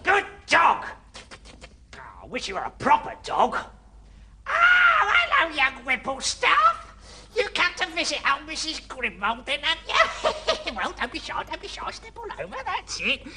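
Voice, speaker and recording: An actress voicing a sly, wheedling old dungeon housewife who cackles and calls everyone dearie. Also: female voice, high-pitched, wildly swooping pitch, normal speed, background noise. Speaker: character in a TV dungeon game.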